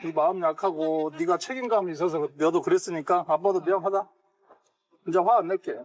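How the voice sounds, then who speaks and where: An older man, a stepfather talking bluntly and gruffly with his daughter in a documentary. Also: sits high, a little fast. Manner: gruff, blunt, teasing banter. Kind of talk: casual family talk.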